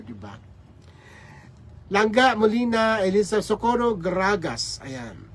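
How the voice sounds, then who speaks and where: A man hosting a casual livestream, greeting viewers by name with repeated hellos. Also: high-pitched. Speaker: livestream host.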